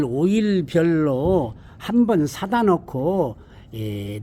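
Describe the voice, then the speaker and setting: A man giving an unscripted hands-on car maintenance demonstration, explaining step by step in a halting, repetitive way. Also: fairly high pitch, dark tone. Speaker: presenter of a car maintenance how-to video. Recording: amateur recording with background ambient noise.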